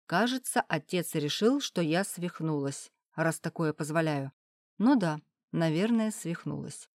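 Brief: woman narrator, low voice, dry close mic, steady audiobook read. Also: a little slow, no room sound. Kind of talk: first-person audiobook narration.

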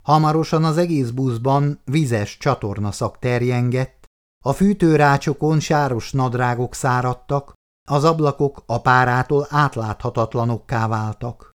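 A man reading an audiobook aloud in a calm, measured storytelling manner. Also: mid-range voice, clean tone. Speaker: audiobook reader. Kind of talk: scripted narration.

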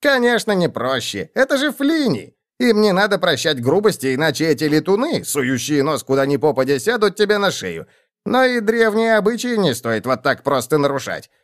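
A man voicing a shrewd, sharp-tongued male goblin who mocks and explains. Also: fairly high pitch, sing-song, voice pushed up. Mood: explaining. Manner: mocking, quick retorts.

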